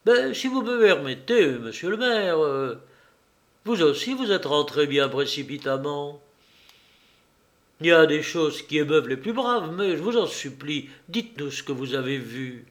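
A man's voice: a little high, expressive, measured pace. A man voicing an anxious male town employee who pleads and presses for an answer. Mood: pleading.

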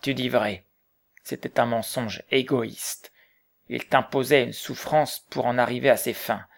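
A man reading the part of an old Quaker, earnest and gently reproachful, in an audiobook. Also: mid-range voice, steady tone, a little slow, creaky.

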